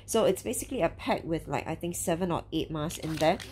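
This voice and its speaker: A young woman reviewing skincare while wearing a sheet face mask, chatting casually and pausing to search for words. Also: low-pitched, a little mellow, husky. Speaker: beauty reviewer.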